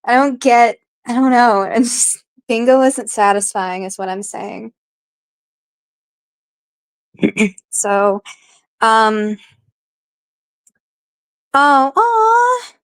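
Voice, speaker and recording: A woman streamer chatting casually with her viewers, rambling and swearing freely, with lots of filler words as she answers comments. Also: on the high side. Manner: rambling, profane, filler-heavy. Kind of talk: casual live-stream chat.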